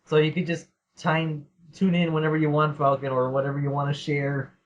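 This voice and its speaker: Man, podcast host, rambling, laughing, slightly high voice, dull lo-fi audio. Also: completely flat delivery, fairly quick. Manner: rambling, laughs often, swears. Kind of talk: casual Q&A chat. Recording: dull lo-fi sound.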